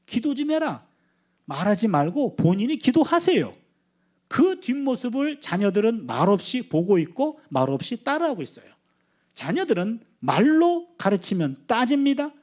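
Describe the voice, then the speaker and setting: A man's voice: high-pitched, normal speed. A middle-aged male pastor preaching a sermon, telling family stories and acting out the quotes. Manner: animated storytelling, acts out family quotes. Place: church sanctuary.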